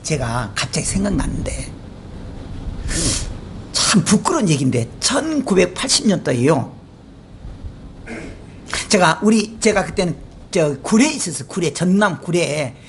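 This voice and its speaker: A man in his sixties with a Jeolla accent, preaching a sermon as pastor, asking rhetorical questions and swinging from shouts to quiet asides. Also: high voice, sing-song, measured pace, long pauses, slight background noise. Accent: Jeolla Korean. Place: church sanctuary.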